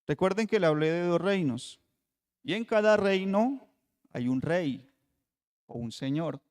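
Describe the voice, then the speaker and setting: A man preaching a Bible study sermon, with rhetorical questions and emphatic pauses. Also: sits high, lively intonation, darkish tone. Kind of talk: radio sermon teaching. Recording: long hall reverb.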